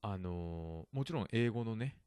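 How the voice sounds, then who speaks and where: A man's voice: on the low side, lively intonation, unhurried, mellow, smooth, dry recording, studio quality. A man hosting a casual podcast, explaining English words in Japanese and stopping to explain pronunciation. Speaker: podcast host. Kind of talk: bilingual casual chat. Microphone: studio podcast mic.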